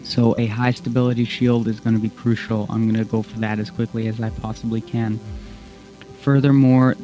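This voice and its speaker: A young man hosting a gaming channel, explaining the rules of his run in a rambling, self-correcting way, with the hiccups. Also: medium pitch. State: has the hiccups. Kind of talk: casual gameplay commentary. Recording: dull lo-fi audio with faint music.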